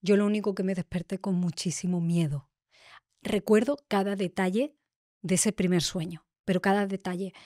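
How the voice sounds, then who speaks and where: A middle-aged woman tells a personal story on a podcast. Her delivery is emotional, heartfelt and halting, with pauses and restarts. Her voice sits at a middle pitch and sounds dry and close. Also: steady tone, warm tone, no echo. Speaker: podcast host.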